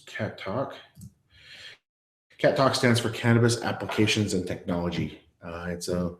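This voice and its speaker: A man's voice: lowish voice, a little mellow, echoey room. A man hosting a live online presentation, talking it through with many fillers and restarts. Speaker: presenter of a live web session. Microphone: earpiece in, talking to an online audience.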